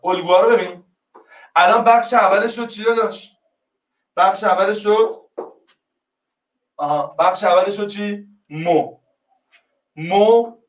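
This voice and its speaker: High-voiced teacher calling on pupils. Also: male voice, reverberant, distant mic. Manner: coaxing, repeats prompts to pupils. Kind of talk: online class lesson.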